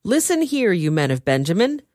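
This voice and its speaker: A woman voicing a paranoid king who shouts accusations at his men. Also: mid-range voice, expressive, moderate pace, no echo, studio quality, voice pushed up, natural voice. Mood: furious.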